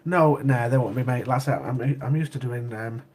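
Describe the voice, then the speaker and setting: A man with a medium-pitched, slightly mellow voice talks briskly while hosting a casual livestream, chatting with viewers in the live chat. He's sniffly from a cold, laughs easily, and often repeats himself.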